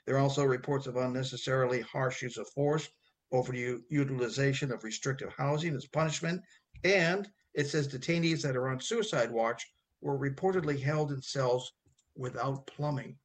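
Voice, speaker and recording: A male host in an interview, his voice sitting at an ordinary middle pitch. He speaks conversationally, reading from reports before turning questions to his guest. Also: moderate pace.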